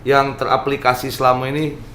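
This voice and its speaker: A man's voice: mid-range voice, little pitch movement, fairly quick, fairly bright tone. A man with a Palembang accent hosting a casual chat in a jovial, colloquial way, his voice slightly muffled through a face mask. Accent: Palembang, South Sumatra. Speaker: podcast host. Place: indoor office room. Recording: echoey room with faint noise.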